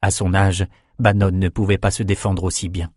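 A man reading a fantasy audiobook in a steady, even narrating voice. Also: low-pitched, moderate pace, no echo, clean studio sound.

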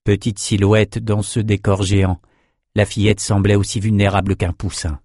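A man reading a fantasy novel aloud as narrator, in a steady, measured way. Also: on the low side, no echo, clean studio sound. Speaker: audiobook narrator.

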